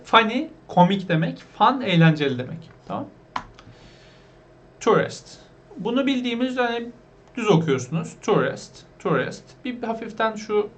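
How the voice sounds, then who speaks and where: A man's voice: high-pitched, a bit bright, slight background noise. A man teaching an online English lesson, patiently repeating words and asking his viewers questions.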